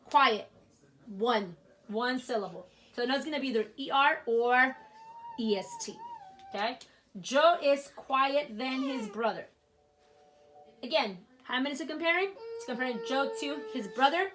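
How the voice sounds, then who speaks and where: While writing at a board, a woman teacher gives a grammar lesson slowly and patiently, often checking in with "okay?" Her voice is high-pitched, sing-song and a bit bright, with slight background noise.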